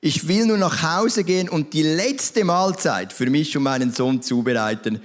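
A man with a Swiss German accent voicing a poor, despairing widow, speaking slowly and solemnly. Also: a little high, close to an everyday voice. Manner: slow, solemn, emphatic. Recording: reverberant church hall.

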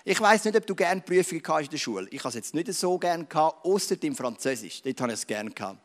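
A man preaches directly to his congregation, weaving anecdotes and read-aloud stories into his sermon. His voice sits a little higher than most men's. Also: expressive, fast. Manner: direct, addresses listener as du. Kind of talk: sermon with storytelling.

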